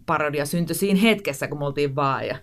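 Chatty guest, woman in her forties, casual interview talk, many fillers and false starts. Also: low-pitched. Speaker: guest, screenwriter and director.

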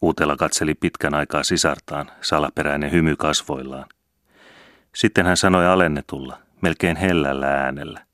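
A man reading a novel aloud as an audiobook narrator, calm and measured. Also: a bass voice, no room sound, studio quality. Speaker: audiobook reader.

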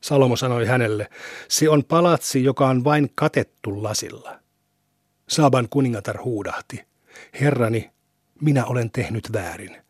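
A man reads scripture aloud in a measured, solemn way, his voice slightly husky. The sound is dry and close, with no room echo, as from a studio. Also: medium pitch, a little mellow. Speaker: scripture reader.

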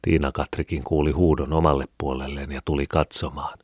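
Male audiobook reader, very low voice, measured and even, dead-dry booth sound. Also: slightly rough, no room sound. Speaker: audiobook narrator. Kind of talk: scripted narration of a classic novel.

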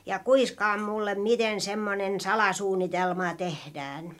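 A woman's voice: medium pitch, steady tone, lightly acted. A woman voicing a timid, kindly squirrel in a children's radio play, gushing and exclaiming often. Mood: fretful.

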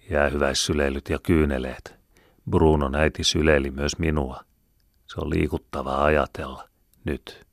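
A man reading a first-person story aloud in a measured, solemn, reflective way. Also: very deep voice, no room sound, studio quality. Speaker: audiobook narrator. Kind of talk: scripted first-person narration.

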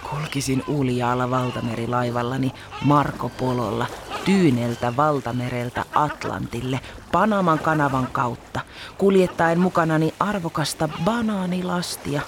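A woman reading a children's story aloud in an expressive, animated way. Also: a bass voice, background noise.

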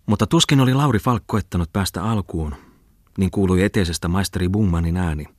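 A man reading a novel aloud as an audiobook, in measured literary narration. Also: sits low, no room sound, studio quality. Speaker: audiobook reader. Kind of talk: scripted narration.

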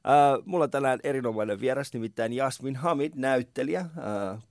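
This medium-pitched, somewhat dark male voice comes through with no room sound. He's a radio talk show host on a casual morning chat program, telling chatty, self-deprecating stories about himself from the studio.

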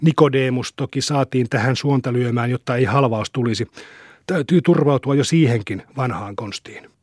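A bewildered old rural police chief, read by a man, frets aloud. His voice is husky and dry, at a middling pitch. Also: darkish tone, dry recording, natural voice. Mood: fretful. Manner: fretful, bewildered.

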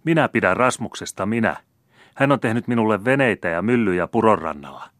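A man voicing a wild, merry eight-year-old girl who shouts defiantly in an old storybook reading. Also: animated, no room sound, studio quality. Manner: shrill and defiant.

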